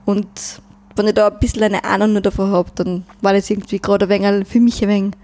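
Woman musician, soft mellow tone, hesitant delivery. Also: medium pitch, flat delivery. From Upper Austria. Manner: halting, many restarts. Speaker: musician guest. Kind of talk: casual interview chat.

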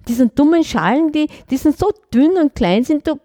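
Brief: Korean-native woman, mellow tone, dry close sound, animated and searching for words. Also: high-pitched, normal speed, no echo. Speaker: chef, interview guest. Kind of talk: casual interview chat.

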